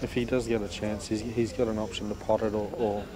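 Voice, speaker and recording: A man's voice: lowish voice, little pitch movement, brisk, a crowd in the background. A man giving casual, analytical co-commentary on a live pool match. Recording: noisy live sports venue.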